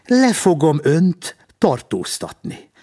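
A man's voice: on the high side, huge pitch swings, dark tone, breathy edge, pitched above the performer's own voice, full character voice. A man voicing a stiff, pompous traffic policeman who speaks in a stern, formal way. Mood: officious.

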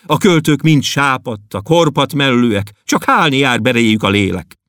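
A man's voice: mid-range voice, animated, a bit bright, dry recording, clean studio sound, pitched above the performer's own voice, close to an everyday voice. A man voicing a burly, melodramatic poet who wails in mock-tragic self-pity.

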